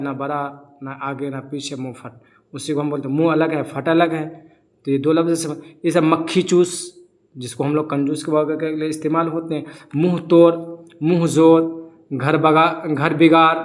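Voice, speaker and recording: Man teaching grammar with self-posed questions. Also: a little high. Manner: asks questions and answers them himself; recites examples in short listed words. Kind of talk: grammar lesson explaining from a textbook.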